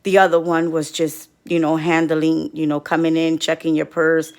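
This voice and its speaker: Middle-aged lady vlogging, kinda low voice, rambly and animated, acts out everyone. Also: moderate pace. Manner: animated storytelling, acting out quoted people; rambling with many restarts. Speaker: couponing vlogger. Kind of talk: casual personal update to viewers.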